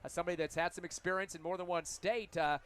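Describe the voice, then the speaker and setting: A man's voice: sits high, steady tone, fast talker, a bit bright, clear, resonant tone. A man hosting a halftime broadcast interview from a stadium press box, chatty and folksy, joking with his guest. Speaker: radio sports broadcaster.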